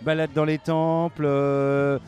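A man's voice: a little high, flat delivery, takes it slowly, a little mellow. A man hosting an on-site radio interview, hesitant and full of fillers, with music playing behind him. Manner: hesitant, many fillers, insistent about mic distance. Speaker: radio host.

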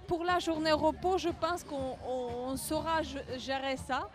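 A woman competing in an adventure race, speaking softly and hesitantly in a casual interview. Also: high-pitched, fairly even intonation, measured pace, music in the background. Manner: soft-spoken, quiet, hesitant. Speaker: race participant.

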